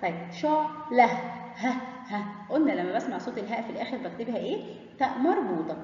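A kindergarten teacher with an Egyptian Arabic accent leads a phonics lesson, lingering on each letter sound. Her fairly high voice comes from some distance away. It carries a long, heavy echo, and the sound is dull and muffled. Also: expressive, warm tone. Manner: slow, drawn-out sounding of letters and syllables. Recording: echoey, muffled room from a distance.

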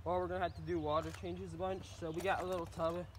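Man, fishing vlogger, casual rambling chat, slightly mumbled speech, fairly high voice, faint countryside ambience. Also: level tone, fast, slight background noise. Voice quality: slightly mumbled from sunflower seeds in his mouth. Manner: rambling, chatty. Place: outdoors by a farm pond.

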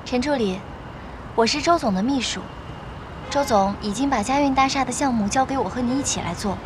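An actress playing a confident, shrewd young secretary who talks matter-of-factly. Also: female voice, high-pitched, brisk, background noise, natural voice. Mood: assured. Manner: assured, matter-of-fact. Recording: music playing behind.

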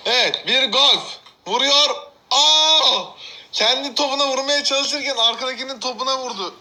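High-voiced excitable man reacting to clips. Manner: excitable, laughs often, exclaims at clips. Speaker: reaction video host. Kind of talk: casual reaction commentary.

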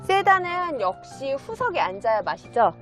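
A woman with a high, lively voice delivers a scripted used-car sales pitch. Her phrasing is polished, polite and promotional, rising and falling freely, with music playing behind her. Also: moderate pace. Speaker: used car dealer presenting a car for sale.

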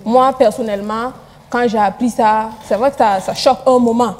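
A woman's voice: fairly high pitch, steady tone, normal speed, a little mellow, long reverb tail, slight background noise. A young woman, a panelist on a TV talk show, giving her view in a firm, matter-of-fact way. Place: TV studio.

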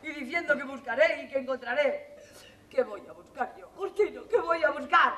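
A woman's voice: high-pitched, expressive, roomy sound, background noise. Luckless jilted woman on stage. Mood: heartbroken pleading. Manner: quick comic asides turning to tearful pleading. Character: luckless jilted woman, comic yet heartbroken. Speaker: lead actress in a stage revue. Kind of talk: stage comedy performance. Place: theater stage before a live audience. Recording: 1980s television theater recording with audience laughter.

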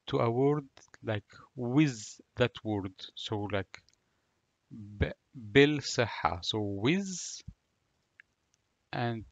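A male language teacher with an Egyptian Arabic accent explains phrases deliberately, word by word. His voice sits at an average male pitch. The recording is dry and somewhat muffled. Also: no echo. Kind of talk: language lesson, slow explanation with repeated phrases.

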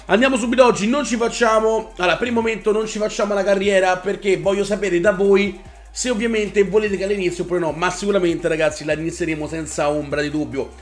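A young man giving excited gameplay commentary, swearing and shouting at the game as he plays. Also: sits high, fast talker, faint music behind. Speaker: gaming YouTuber.

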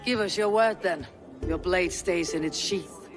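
An actor playing a steady, level-headed Viking warrior who speaks firmly. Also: male voice, high voice, a little slow, over music. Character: steady calm male Viking warrior, young adult.

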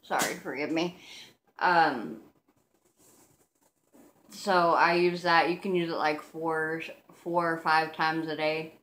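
A woman in her thirties talks casually to camera in a low, slow voice. Her speech is toothless and softly slurred, with a hesitant, self-conscious delivery. The room rings noticeably around her. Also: steady tone. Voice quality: toothless speech, soft slurred articulation without teeth or dentures. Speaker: vlogger. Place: living room, seated on a couch indoors. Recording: roomy, echoing home recording.

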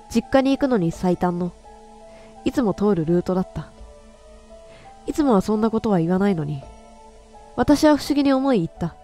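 A woman's voice: mid-range voice, warm tone. A woman playing a horror game and reading its stories aloud, chatty, quipping at herself and stumbling over words as she goes. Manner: chatty, talks to herself and quips at the text; frequent self-corrections and stumbles while reading. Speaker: game streamer.

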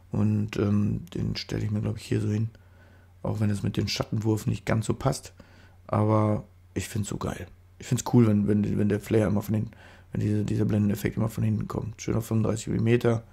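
On a studio microphone, a congested man with a cold rambles through a photo-editing tutorial, correcting himself as he talks in a casual way. His voice is lowish, creaky and mellow, edged with breath.

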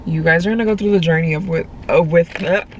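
A young woman with a congested, fairly low voice talks quickly while vlogging from a parked car, rambling and dropping lots of fillers. She's chatting casually to a phone camera held at arm's length, and the low-quality recording carries faint car background noise.

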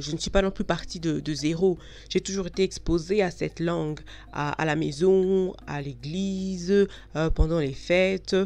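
A woman's voice: fairly low pitch, darkish tone. Frank chatty woman. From Belgium. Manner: frank, chatty, many hesitations. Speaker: vlogger. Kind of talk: casual talk to camera.

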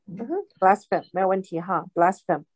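A woman tutoring English pronunciation one on one, patiently repeating words slowly and explaining them in Chinese. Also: fairly low pitch, husky, no room sound, poor audio.

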